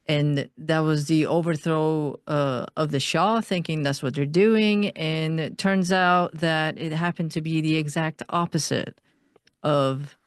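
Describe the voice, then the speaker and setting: A woman from Iran, a guest on an interview podcast, telling her life story in an earnest, steady way. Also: low voice, dry recording, clean studio sound.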